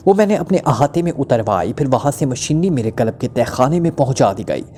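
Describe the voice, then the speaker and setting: A man's voice: mid-range voice, warm tone, lightly acted. A man voices a terrified male club owner who stammers and trembles under interrogation, then talks on and on.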